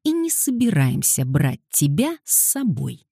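A grumpy, impatient boy who growls and snaps with a sarcastic edge, read by a woman in a low, mellow tone. The sound is dry and close. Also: huge pitch swings, measured pace, gravelly, husky, no room sound, full character voice. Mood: snappish.

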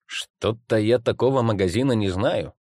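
A man's voice: lowish voice, huge pitch swings, unhurried, darkish tone, no echo, studio quality. A man voicing a distrustful father who interrogates his son with suspicious questions in an audiobook reading.

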